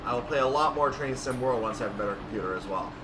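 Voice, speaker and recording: Talking fast in a mid-range voice, this man walks through his train simulator gameplay live, describing every move as he makes it. The commentary is casual yet methodical, recorded on a far-off mic under loud, constant background noise.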